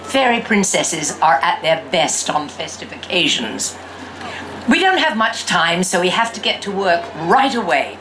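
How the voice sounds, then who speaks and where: A woman with a fairly low voice reads a storybook aloud in the first person, playing an exuberant young girl who fancies herself a fairy princess. She sounds bright and self-assured, expressive and theatrical, with drawn-out emphasis, over a noisy background.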